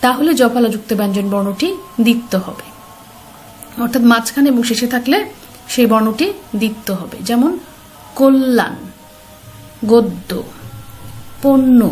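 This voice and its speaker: A woman teacher giving a slide-based pronunciation lesson, speaking clearly and patiently and putting questions straight to her students. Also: on the high side, a little mellow.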